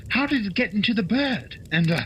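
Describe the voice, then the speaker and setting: A man playing a curious, earnest gentleman doctor and sidekick in a radio play, inquisitive and polite. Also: high voice, lively intonation, brisk, slight background noise. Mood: puzzled. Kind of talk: holiday radio play acting.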